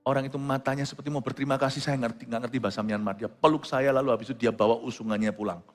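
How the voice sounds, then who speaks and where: A man pastor preaching a sermon, who moves between quiet storytelling and loud exclamations and drops English phrases into his talk. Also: mid-range voice, fairly even intonation, racing. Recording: long hall reverb with faint music.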